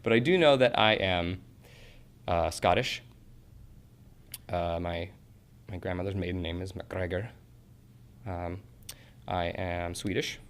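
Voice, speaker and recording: A deep-voiced man in his twenties from Portland, Oregon, speaks slowly with frequent pauses, and there's a slight hiss or hum. In casual interview answers he talks earnestly about acting school, rambling with fillers and restarts.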